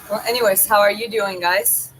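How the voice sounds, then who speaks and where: A woman with a Georgian accent chats casually as a live streamer, thinking aloud in a halting way. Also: medium pitch, steady tone. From Georgia (country). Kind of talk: casual livestream chat. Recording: clear background noise.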